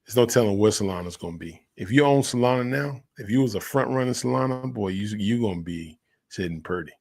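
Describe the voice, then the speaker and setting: A man talking casually as a crypto host, in a hyped, slangy, emphatic crypto bro manner, with a husky, gravelly voice. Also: fairly low pitch, lively intonation, fast, darkish tone. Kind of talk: casual solo crypto commentary.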